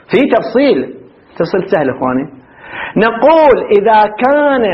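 A man's voice: sits high, muffled recording. A man teaching a grammar lesson who asks his students questions and then answers them himself, often repeating and restarting his phrases. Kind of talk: grammar lecture.

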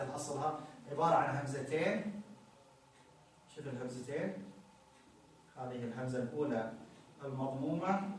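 Male teacher, slightly high voice, methodical lesson delivery, distant mic with faint hiss. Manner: explaining step by step, repeating words, pointing at text. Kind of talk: Arabic grammar lesson. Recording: echoey room, distant mic, faint noise.

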